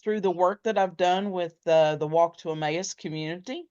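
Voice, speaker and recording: Podcast co-host, woman, low pitch, dry humor, slightly dull recording. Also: moderate pace, dark tone, smooth, no echo. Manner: candid, dry humor, laughs easily. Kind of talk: casual faith chat. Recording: dull, slightly muffled sound.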